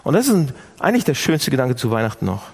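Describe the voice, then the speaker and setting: A man preaching a sermon, speaking directly to his listeners with lively emphasis. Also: mid-range voice, quick pace, husky. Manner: animated, addresses listeners directly.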